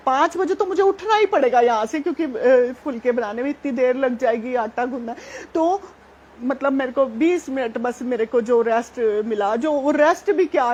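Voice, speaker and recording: High-voiced woman telling a devotional testimony. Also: slightly rough, highs cut off. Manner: chatty, animated, laughs while telling, many fillers. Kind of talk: satsang testimony storytelling.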